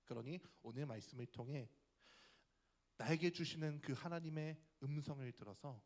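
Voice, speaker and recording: A man's voice: a little high, moderate pace, darkish tone. A young man, a youth pastor, giving a casual, chatty sermon and often asking the audience questions. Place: church hall.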